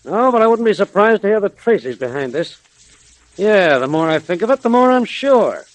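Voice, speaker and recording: An actor playing an edgy, suspicious gangster boss in a 1930s radio drama. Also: male voice, sits high, big pitch swings, normal speed, poor audio. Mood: defiant. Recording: vintage 1930s radio recording.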